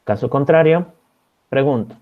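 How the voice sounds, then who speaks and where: A teaching assistant from Bolivia explains code step by step to his online programming class and keeps checking in with students. He has a mid-range voice and speaks at normal speed. The video-call recording sounds slightly dull.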